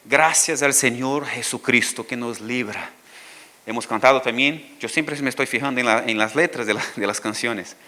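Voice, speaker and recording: Bright-voiced preaching man. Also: medium pitch, moderate pace. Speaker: pastor. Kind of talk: sermon. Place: church.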